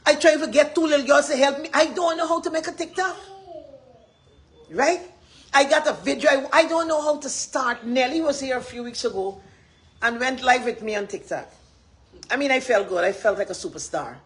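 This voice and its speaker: A woman's voice: high-pitched, a little fast, fairly bright tone. A woman with a Guyanese accent gives an impassioned, rambling live address as a community advocate, repeating her points with emphasis.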